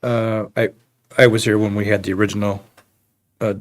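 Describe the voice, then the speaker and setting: A middle-aged man on a council speaking hesitantly and skeptically, with many pauses. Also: lowish voice, little pitch movement, no room sound. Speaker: council member. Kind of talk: council debate.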